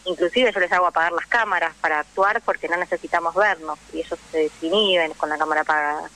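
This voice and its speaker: A young woman with a Rioplatense Argentine accent, an actress and drama teacher, is a guest on a conversational radio interview, explaining things emphatically and often checking in with her listener. Her lowish voice is quick, bright and forceful, and the recording is rough.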